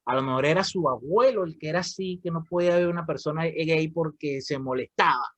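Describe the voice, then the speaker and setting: A man with a Venezuelan accent leading an online reading club and explaining ideas in a lively way, often asking "¿ok?". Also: a little high, a little fast, no room sound. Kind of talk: moderating an online reading discussion. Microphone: video call. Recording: dry, slightly dull call audio.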